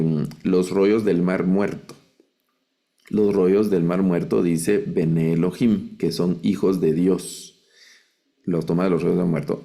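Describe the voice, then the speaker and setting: Man teaching an online class, dark mellow low voice, explains patiently, keeps asking "right?". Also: vocal fry. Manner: explanatory, frequent rhetorical "¿verdad?" tag questions. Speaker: Bible translation lecturer.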